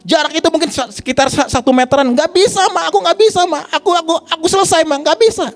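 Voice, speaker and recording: A man's voice: extremely high pitch, racing, voice pushed up. A man preaching voices an exhausted woman swimmer who begs to stop, stammering and pleading. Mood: despairing. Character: exhausted woman long-distance swimmer giving up.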